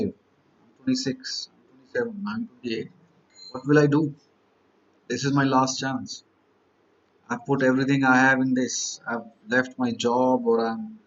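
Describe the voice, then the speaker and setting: A man's voice: mid-range voice, muffled recording. Man giving a motivational lecture. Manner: rhetorical, piles up repeated questions and lists. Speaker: exam-prep teacher.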